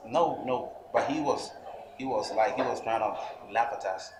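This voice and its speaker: This young Ghanaian-accented rapper, in his twenties, answers interview questions earnestly in a mid-range voice at normal speed, frequently restarting phrases. The recording is echoey with background noise.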